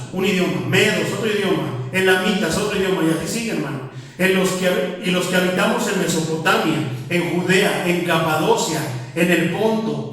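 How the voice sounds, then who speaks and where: A man with a Mexican accent preaching a sermon as pastor, animated, calling listeners "brother" and acting out quoted voices. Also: sits high. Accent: Mexican Spanish. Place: church hall. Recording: very echoey hall, voice from far off the mic.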